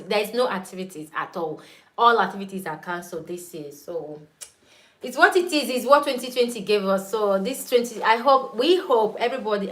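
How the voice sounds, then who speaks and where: Reading out comments during a relaxed livestream, this young Nigerian-accented YouTuber, an Igbo native speaker, laughs a lot and welcomes viewers by name. She speaks at a medium pitch with a slightly bright sound.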